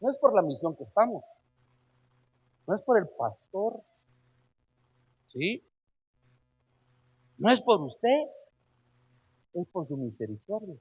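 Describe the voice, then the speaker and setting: A man with a husky, fairly high voice preaches an emphatic sermon, addressing listeners as "brother" and hurling rhetorical questions at them. He speaks slowly in a sing-song way with long pauses, and the recording is dull and lo-fi.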